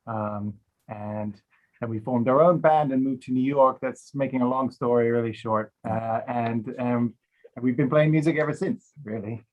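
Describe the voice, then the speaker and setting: A man's voice: medium pitch, normal speed. A middle-aged man from Denmark, a film composer, introducing himself hesitantly with many fillers over a video call. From Denmark, raised across Europe. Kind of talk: casual video-call chat. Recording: dull lo-fi call audio.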